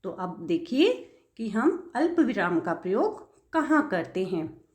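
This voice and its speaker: A woman's voice: medium pitch, very animated, slow pace, darkish tone. A woman teacher giving an online grammar lesson to young children, patient and asking the class questions as she goes.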